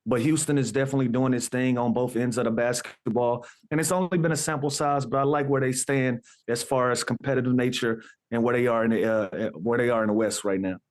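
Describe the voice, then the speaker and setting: A man co-hosts a sports talk show from a hotel room over a video call. He talks steadily and analytically, sometimes restarting a thought. His voice sits at an ordinary middle pitch for a man. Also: fairly even intonation, fairly quick, few pauses. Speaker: co-host, basketball analyst.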